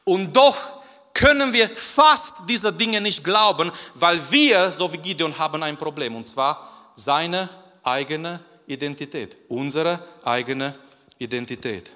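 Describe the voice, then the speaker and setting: A man preaching a sermon in an animated way, repeating phrases for emphasis and acting out the quotes. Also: fairly high pitch, unhurried. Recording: long hall reverb.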